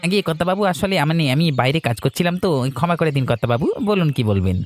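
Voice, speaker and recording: A man's voice: a little high, sing-song, soft background music. A man voicing a flustered, apologetic young servant in a cartoon. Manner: hurried, apologetic. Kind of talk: Bengali cartoon voice acting.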